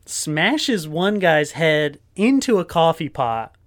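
A man's voice: fairly high pitch, very animated, takes it slowly. Rambling male podcast co-host. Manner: rambling scene-by-scene retelling with fillers. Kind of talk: casual movie-recap chat.

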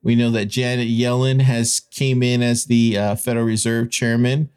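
A man's voice: medium pitch, little pitch movement, moderate pace, darkish tone, clear, resonant tone. Emphatic man giving informal news commentary. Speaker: host of a crypto news show.

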